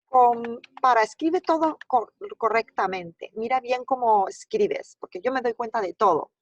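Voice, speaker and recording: A woman's voice: on the high side, measured pace, dull audio. A woman, a native speaker, teaching a recorded homework lesson, thinking aloud and checking in with her students as she works through each step. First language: Spanish. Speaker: Spanish teacher.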